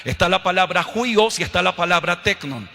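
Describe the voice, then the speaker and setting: A Colombian man preaching a sermon, swinging from low, quiet asides up to loud, shouted scripture lines. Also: animated, moderate pace, creaky. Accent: Colombian Spanish. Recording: long hall reverb.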